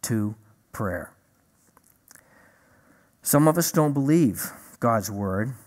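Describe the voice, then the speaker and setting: A man preaching a sermon, telling a personal story in a lively way and acting out the conversations in it. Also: medium pitch, drawn-out words. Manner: animated storyteller, acts out dialogue.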